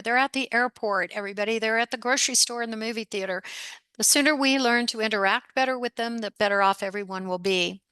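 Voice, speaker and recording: Upbeat lady giving a webinar talk, bright crisp voice, calls out to everybody a lot. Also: medium pitch, no room sound. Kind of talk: presenting a webinar with slides. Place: home or office desk.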